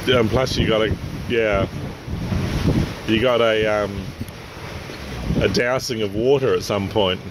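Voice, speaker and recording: A middle-aged man hosting a sailing vlog, talking in a relaxed, matter-of-fact way with sailing terms, filmed in a boat's open cockpit at sea. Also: fairly low pitch, slow, pauses often. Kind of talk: casual vlog narration. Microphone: handheld camera mic, wind on it. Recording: windy outdoor camera audio. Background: wind and water noise.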